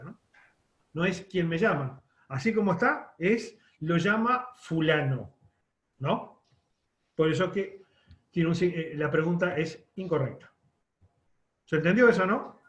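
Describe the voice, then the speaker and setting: A man's voice: a little high, expressive, unhurried, a bit bright, roomy sound. A man teaching a radio course, explaining step by step with many fillers and restarts. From Uruguay. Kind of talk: online class lecture.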